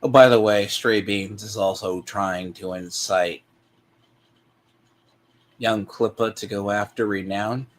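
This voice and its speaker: A man giving off-the-cuff reaction commentary in a deliberate, needling, disapproving way. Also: fairly low pitch, fairly even intonation. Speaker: commentator reacting to a played recording.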